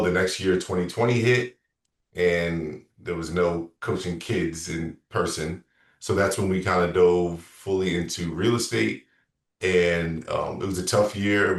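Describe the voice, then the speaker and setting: A man in his thirties with a low voice, recorded from a distance in a roomy space, works as a real estate coach. On a video call sales consultation he's relaxed and a little rambling, correcting himself as he goes.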